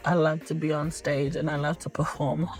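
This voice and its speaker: A middle-aged woman from New Zealand, an actress, answering interview questions in a relaxed way with many fillers and restarts. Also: sits low, normal speed, faint music behind.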